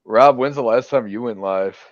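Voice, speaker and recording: A man livestreaming in casual chat, animated and laughing often. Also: medium pitch, moderate pace, no room sound, dull audio.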